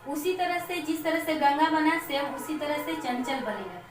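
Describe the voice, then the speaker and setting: A woman's voice: sits high, animated, moderate pace. A woman teacher giving a patient classroom lesson. She asks questions and then answers them herself. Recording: echoey room, voice from far off the mic.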